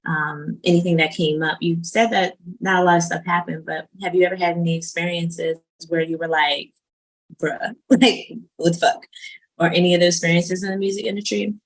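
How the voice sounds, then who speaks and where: In a low-quality recording, a woman in her late thirties with a lowish, steady voice hosts a casual podcast interview at a moderate pace. She's chatty and self-deprecating, and her speech is full of "um"s.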